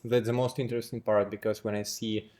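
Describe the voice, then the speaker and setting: A man in his twenties interviewing a guest, asking long, rambling questions in non-native English with many pauses. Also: fairly low pitch, flat delivery, warm tone. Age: 20s.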